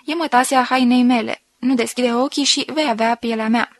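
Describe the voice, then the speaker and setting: A woman voicing a sensual woman who slowly and softly reads out an intimate love letter. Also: fairly high pitch, fairly even intonation, dry recording. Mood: intimate, tender. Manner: slow, soft, intimate reading.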